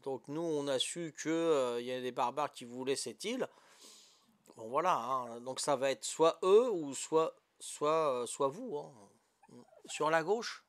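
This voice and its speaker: His voice sits on the high side and moves a little slowly as this older Corsican streamer chats casually over a game. Friendly and full of "hein" and "voilà", he regularly asks whether he's doing it right.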